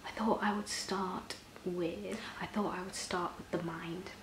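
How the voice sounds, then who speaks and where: A woman in an ASMR role-play as a personal shopper, soft-spoken and often breathy, explaining things gently and a little hesitantly. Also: on the low side, fairly even intonation, a little slow. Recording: roomy echo, clear background noise.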